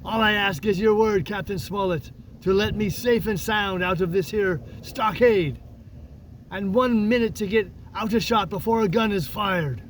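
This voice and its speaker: A man's voice: high-pitched, measured pace, distant mic, a little hiss or hum, voice pushed up. Man putting on a hearty, blustering pirate leader. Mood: bargaining. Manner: hearty, loudly calling out, blustering. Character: bold, cheery, wily male pirate leader. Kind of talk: audiobook character voice.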